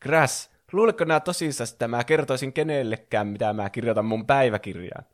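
A man's voice: mid-range voice, natural voice. Koko, a man doing an indignant bandicoot girl. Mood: earnest. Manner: protesting, exclaiming. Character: teen girl bandicoot, bookish and easily annoyed.

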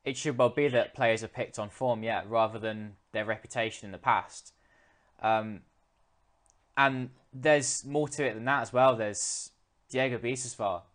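A man's voice: mid-range voice, fairly even intonation, a little slow, fairly bright tone. A man hosting a podcast, reading listener questions aloud and chatting conversationally with hesitant fillers. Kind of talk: casual podcast discussion.

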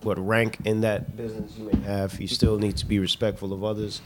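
A man co-hosting a casual podcast, making blunt quips and measured serious points. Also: lowish voice, flat delivery, background noise. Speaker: podcast co-host.

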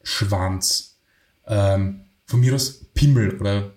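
Erzählfreudiger Wiener Podcaster, halliger Raum. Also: male voice, lowish voice, takes it slowly, echoey room. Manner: animated, laughing while telling anecdotes. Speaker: podcast co-host. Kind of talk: casual storytelling.

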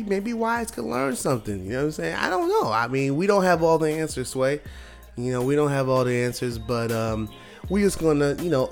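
An American man hosting a solo podcast in a casual, laid-back bro style, full of hip-hop slang and repeated catchphrases. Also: mid-range voice. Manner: laid-back, slangy, bro-like delivery peppered with "yo" and "you know what I'm saying". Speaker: podcast host.

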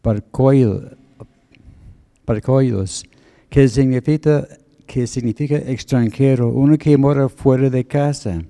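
A man preaching a sermon, explaining word meanings in a slow, deliberate teaching manner. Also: mid-range voice, gravelly, mellow.

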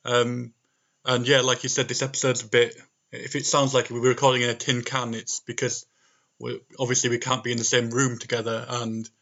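A man's voice: mid-range voice, level tone, fairly quick, fairly bright tone. A man co-hosting a casual podcast from home, speaking hesitantly with many fillers, his voice tinny from a laptop microphone. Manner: hesitant, full of "um" and "like". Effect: tinny laptop-mic sound. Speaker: podcast co-host. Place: home during isolation. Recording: dull lo-fi laptop recording.

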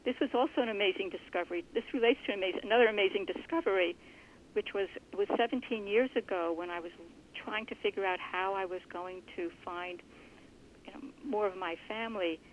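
A woman guest in an interview, explaining her family research earnestly and thoughtfully, with a gravelly voice. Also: medium pitch, slight background noise. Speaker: genealogist guest. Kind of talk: conversational interview answers. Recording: muffled lo-fi recording.

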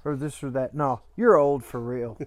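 A man with an average-pitched voice co-hosts a casual podcast. He talks in folksy, colloquial phrases, bantering and spinning small stories as he goes. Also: normal speed. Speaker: podcast co-host.

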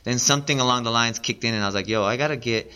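A man's voice: mid-range voice, racing, bright, forceful tone, clean tone. A man in his late thirties, a podcast guest, talking casually and earnestly, often repeating himself. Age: 30s. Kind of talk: casual interview talk.

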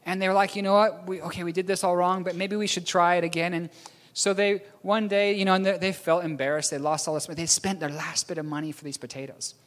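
Talking fast in a high, fairly bright voice with little pitch movement, a New Zealand man delivers a storytelling sermon. He rambles a bit and chuckles while correcting his slips, and the hall adds long reverb.

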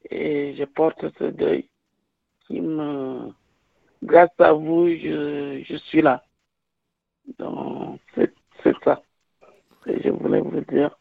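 A woman calling in to a radio show over a phone line, speaking haltingly with many restarts. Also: low voice, steady tone, gravelly, dry recording. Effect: caller heard over a phone line. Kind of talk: call-in testimony.

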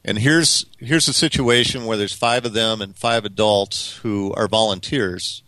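A man talking as a podcast guest, telling lively anecdotes with plenty of fillers and restarts. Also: fairly low pitch, no room sound. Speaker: podcast guest, outdoor youth mentor. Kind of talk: storytelling interview talk.

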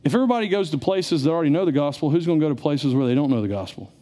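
Animated man preaching. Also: racing. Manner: animated, conversational preaching, rising to emphatic high peaks. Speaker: pastor. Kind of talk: sermon. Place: church sanctuary.

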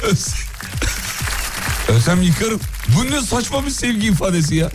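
A man hosting a radio chat, reading out news items and correcting his co-host. His voice sits a bit high and moves in a lively way, with faint music underneath. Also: normal speed.

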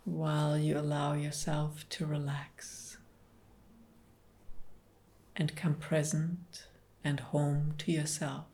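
A woman leading a guided relaxation meditation, speaking softly and partly in whispers. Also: low-pitched, flat delivery. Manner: soft, slow, soothing, partly whispered.

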